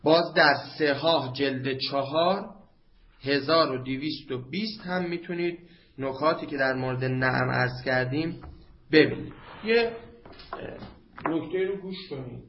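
Slow, chanted Arabic quotations alternate with fast, relaxed talk to students as a mid-range-voiced man teaches seminary Arabic grammar. It's captured in a dull, lo-fi classroom recording carrying faint noise.

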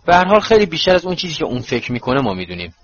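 A man voicing a calm, thoughtful grown man in a storybook reading, speaking softly and evenly. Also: a little high, voice pushed up. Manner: soft and even-tempered. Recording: dull lo-fi recording.

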